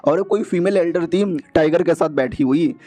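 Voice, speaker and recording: High, mellow-voiced man recapping a comic. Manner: chatty, slangy, jokey, voices the characters in quick asides. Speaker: manhua recap narrator. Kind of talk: casual comic story recap.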